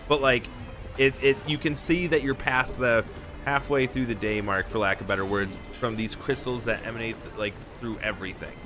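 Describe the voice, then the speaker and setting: A man narrating a tabletop game as game master, relaxed and rambling. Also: mid-range voice.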